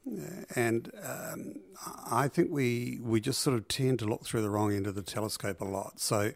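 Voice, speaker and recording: A man with a New Zealand accent, telling his business story in a relaxed interview, with many ums and restarts. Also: mid-range voice, normal speed, vocal fry, no echo. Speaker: business founder guest.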